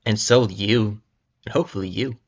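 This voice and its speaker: Man putting on a young british woman, teasing, breathy and coy, pulp-novel heroine, dull lo-fi sound. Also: lowish voice, moderate pace. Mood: coy, inviting. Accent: British (put on). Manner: soft, teasing, then shrieking.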